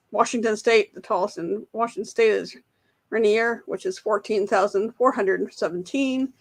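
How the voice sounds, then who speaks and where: A woman hosting a casual live trivia quiz, reading questions aloud and chatting with viewers in the chat. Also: mid-range voice. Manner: reads questions aloud, greets and answers chat viewers, laughs at herself. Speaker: trivia livestream host.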